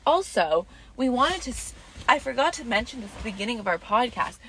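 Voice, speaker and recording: A young woman co-hosting a casual podcast, talking in a relaxed, reflective way with plenty of "like". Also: fairly high pitch, a little fast, slight background noise. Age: young adult. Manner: relaxed, reflective, filler-heavy. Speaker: podcast co-host. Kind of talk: casual chat. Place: quiet street.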